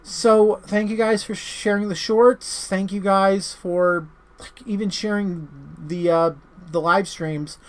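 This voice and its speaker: Slow and fairly even in tone, a high-pitched male voice carries this casual horror movie review. The channel's host speaks without a script, meandering, often stammering, and repeatedly interrupting himself.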